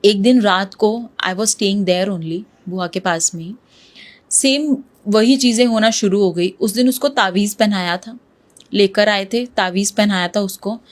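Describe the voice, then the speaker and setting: In an interview, a female podcast guest shares a real ghost story with vivid storytelling, her Hindi sprinkled with English words. She has a medium-pitched voice and takes her time.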